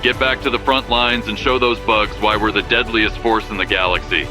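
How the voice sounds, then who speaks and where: Over prominent music, a man plays a grave male war-bulletin anchor with a lowish voice. He declaims scripted sci-fi military news like a rallying wartime broadcast. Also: steady tone, normal speed, natural voice. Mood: rousing. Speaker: bulletin host. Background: prominent background music.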